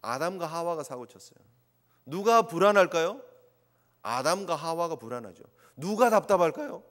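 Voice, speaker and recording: A man's voice: on the high side, lively intonation, moderate pace, a bit bright. A male pastor preaching an impassioned sermon, sometimes acting out quoted voices. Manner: impassioned, acts out God's voice in quotes. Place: church sanctuary. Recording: long church reverb.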